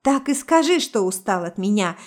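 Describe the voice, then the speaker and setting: A woman reading aloud puts on a jealous young woman close to hysteria. Her voice pitches high and loud, shrill and accusing, pushed well above the calm narration. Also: normal speed, natural voice. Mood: shrill, angry. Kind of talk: audiobook reading of a story.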